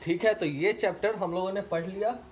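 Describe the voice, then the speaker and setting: A man teaching a primary school English lesson with an Indian accent, reading a children's story slowly, repeating words and spelling them out letter by letter. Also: high-pitched, steady tone, slight background noise, rough recording.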